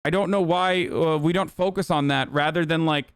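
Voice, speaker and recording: Reacting to clips in a livestream, the man gives profane, blunt political commentary laced with fillers. He keeps a steady tone and moderate pace in a smooth, resonant, slightly high voice. The sound is dry and close-miked, with no room around it.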